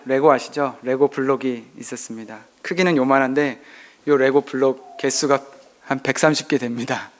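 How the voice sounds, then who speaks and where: Male pastor preaching, lively storytelling. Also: on the high side. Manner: acts out dialogue with his son, shifting loudness. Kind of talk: sermon with personal anecdotes.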